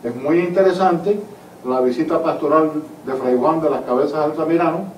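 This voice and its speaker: A man's voice: fairly high pitch, moderate pace, a little mellow, lo-fi sound. A man from Cuba, an author and historian, answering audience questions at a book presentation in an earnest, emphatic way. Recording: echoey hall from far off, faint noise.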